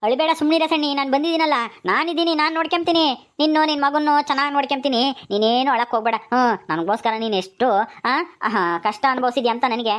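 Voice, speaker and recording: A woman's voice: high voice, fast talker, natural voice. A woman voicing a coaxing old village husband. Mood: soothing. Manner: soothing, coaxing, rustic village speech. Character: fond elderly village husband, teasing joker.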